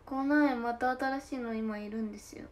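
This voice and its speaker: A young woman with a high, bright-pitched voice and a Tosa dialect accent chats casually on a livestream. She giggles often and lets her phrase endings trail off softly. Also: fairly even intonation. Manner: chatty and giggly, drawn-out soft endings. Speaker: idol livestream host. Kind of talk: casual livestream chat reading comments.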